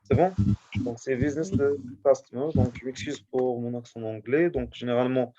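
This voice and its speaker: A male teacher going over a test in class, speaking haltingly and often checking that his students follow. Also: medium pitch, steady tone, warm tone, muffled recording, slight background noise. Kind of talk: classroom lesson correcting a test.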